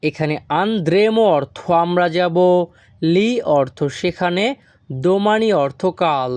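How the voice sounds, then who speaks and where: A man with a Bangladeshi Bengali accent, teaching a language lesson slowly and deliberately, stressing each foreign word. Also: on the high side, clear, resonant tone, no room sound, clean studio sound.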